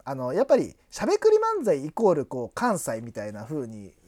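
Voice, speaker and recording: A man's voice: medium pitch, huge pitch swings, fairly quick, a crowd in the background. A young man co-hosting a podcast, chatting casually and explaining things at length with many fillers and restarts. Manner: rambling explanations full of fillers. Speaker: podcast co-host. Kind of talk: casual chat.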